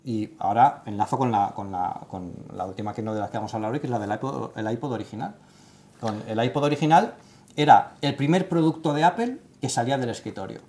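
An expressive man in his thirties on a studio panel, telling stories with emphasis. He stumbles and restarts often and fills pauses with "eh". His voice sits at a middle pitch. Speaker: tech site writer leading the segment. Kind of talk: casual panel discussion. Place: studio set with sofa.

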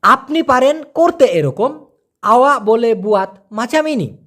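A language teacher, giving a beginner lesson and repeating words slowly so learners can follow. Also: mid-range voice, lively intonation, fairly bright tone.

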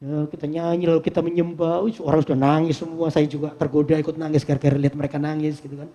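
Preaching before his congregation at a church service, this man tells stories and addresses the people directly. He speaks fast, with a mellow, slightly high voice that barely moves in pitch.

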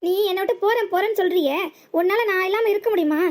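A woman's voice: very high-pitched, quick pace. A woman voicing a scheming older village mother-in-law with a southern Tamil Nadu accent, coaxing and guilt-tripping in a cartoon. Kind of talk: cartoon voice acting.

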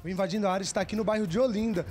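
A man's voice: high-pitched, steady tone, racing, a little mellow, faint music behind. A man in his thirties presenting a sports feature, upbeat and teasing with his guest. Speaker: sports TV reporter.

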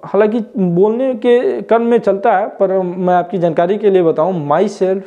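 In a whiteboard lesson, a man in his 20s teaches English and frequently poses questions to viewers while explaining. His high voice is warm, with fairly even intonation and a measured pace. A lapel mic in an indoor room captures him, and the sound is lo-fi.

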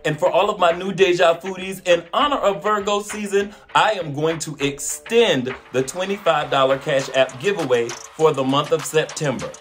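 A man's voice: a little high, moderate pace, hardly any pauses, a bit bright. Chatty man hosting a giveaway over music. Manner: chatty, playful, sings and drawls names. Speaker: cooking channel host. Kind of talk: casual vlog giveaway. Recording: music playing behind the voice.

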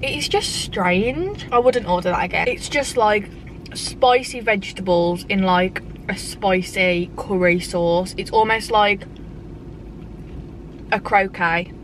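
A woman's voice: medium pitch, slow pace, a little hiss or hum, rough recording. A young woman vlogging a casual food review, talking bluntly through a mouthful of burger. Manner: blunt, chatty, lots of "like".

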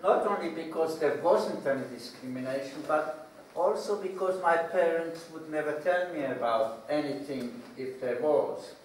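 A man's voice: on the high side, far from the mic, a little hiss or hum. Older man lecturing in an echoey hall. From Slovakia. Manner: halting, many filler pauses. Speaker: guest speaker. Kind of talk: public lecture. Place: school hall. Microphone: stand mic, recorded from far camera.

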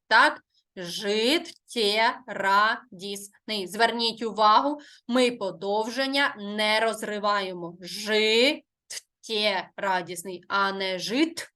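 During an online Ukrainian language lesson for primary school, a woman speaks slowly and carefully, as if giving dictation. She poses questions and answers them herself. Her mid-range voice sounds pushed and bright.

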